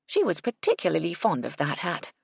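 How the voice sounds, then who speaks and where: A woman narrating a cozy mystery audiobook with a measured, expressive delivery. Her voice is low and gravelly with a husky edge. The sound is close and dry. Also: no echo. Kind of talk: scripted narration.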